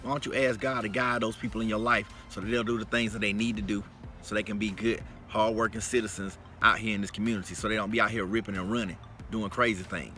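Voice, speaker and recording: A man's voice: fairly low pitch, quick pace, soft background music. A man from North Carolina, giving a folksy, emphatic motivational talk to his viewers. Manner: preachy, folksy, animated and emphatic. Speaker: motivational vlogger.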